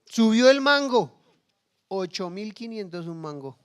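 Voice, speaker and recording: A man's voice: high-pitched, big pitch swings, a little slow, clear, resonant tone. A man preaching a sermon as pastor, humorous and acting out everyday scenes in little quoted voices.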